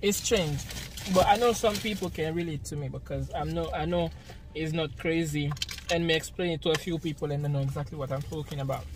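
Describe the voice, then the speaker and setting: A woman's voice: deep voice, fairly quick. Chatty Jamaican woman in a parked car. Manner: chatty, laughs often while talking. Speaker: vlogger. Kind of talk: casual eating-show chat.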